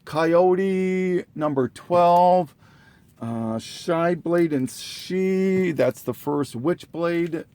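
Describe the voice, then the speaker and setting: Guy slowly reading off his collection, lots of ums, kinda losing his voice, slightly high voice. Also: darkish tone. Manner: slow, halting, many ums and self-corrections. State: losing his voice, clearing his throat. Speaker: comic collector listing trades. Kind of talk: casual show-and-tell listing.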